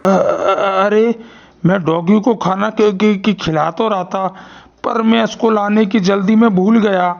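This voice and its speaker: A jumpy, henpecked cartoon schoolteacher who stammers and begs for forgiveness. His voice sits high with a gravelly edge. The audio is dull and lo-fi. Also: fairly even intonation, measured pace. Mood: flustered pleading. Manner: stammering, pleading. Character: nervous henpecked male schoolteacher.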